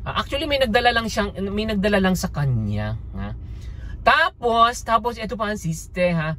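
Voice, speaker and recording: A man vlogging casually as he walks outdoors on a street. He talks theatrically in exclamations and keeps tossing in questioning asides, and his voice is hoarse. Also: high-pitched, wildly swooping pitch, moderate pace, sharp tone, a little hiss or hum. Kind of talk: casual street vlog chatter.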